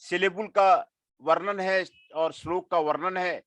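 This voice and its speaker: A man's voice: sits high, fairly even intonation, measured pace, a bit bright, no room sound. A middle-aged man giving a classroom lecture, mixing Hindi and English and repeating his phrases. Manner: mixes Hindi and English, repeats phrases, frequent filler "aapko".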